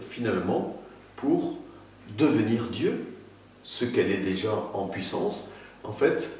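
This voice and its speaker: A man giving a spoken talk on spirituality, addressing the listener directly with emphatic rises and pauses. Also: medium pitch, a little mellow. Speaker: spiritual teacher. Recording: very echoey room, mic at a distance.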